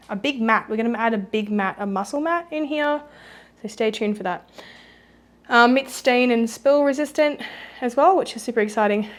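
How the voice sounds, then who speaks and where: A young woman giving a casual, rambling walkthrough of her baby's nursery at home, with lots of fillers. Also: medium pitch. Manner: chatty, rambling, many fillers. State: pregnant, with hiccups. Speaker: vlogger.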